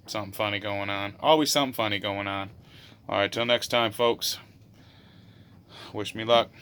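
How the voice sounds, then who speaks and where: A man sailing alone, talking casually to the camera from his boat's open cockpit in a slangy, joking manner, hamming up mock sales pitches. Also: steady tone, normal speed, a bit bright, clean tone. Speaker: solo sailor and vlogger. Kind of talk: casual vlog talk to camera. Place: open cockpit of a sailboat on a lake.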